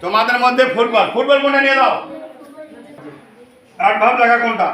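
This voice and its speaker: A man teaching English to a classroom of students, drilling words in call-and-response and urging them to repeat louder. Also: very high-pitched, quick pace. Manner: pushes class to answer louder. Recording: echoey classroom from far off, loud crowd noise.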